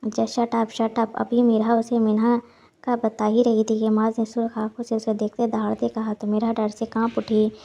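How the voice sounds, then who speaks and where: A woman storyteller reading a romantic drama aloud in a steady, monotone voice. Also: fairly high pitch, moderate pace. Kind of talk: storybook narration.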